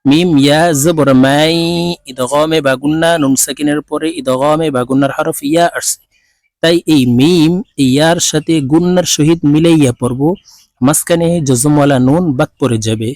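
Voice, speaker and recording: A man with a Bangladeshi accent teaching Quran reading, spelling each word letter by letter and then chanting it slowly and drawn out. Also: a little high, fairly even intonation, a little mellow, dry recording. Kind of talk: spelling out and slowly reciting Quranic words in a lesson.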